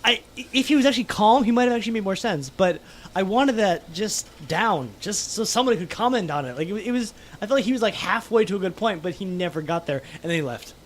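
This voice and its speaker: A man's voice: high-pitched, lively intonation, fast. A man co-hosting a podcast, blunt and a little profane in casual chat. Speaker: podcast co-host.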